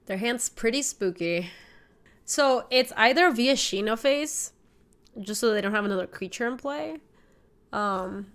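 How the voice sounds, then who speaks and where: Her mid-range voice has a fairly bright tone as she chats through a card game on stream from her home room. The woman, in her twenties and sniffly with a slight cold, casually explains her deck choices and reads chat aloud.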